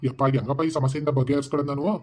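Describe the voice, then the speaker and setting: A man voicing a fearful, scheming son-in-law in an animated comedy, pleading in a flat rapid way. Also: mid-range voice, lightly acted. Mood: harried.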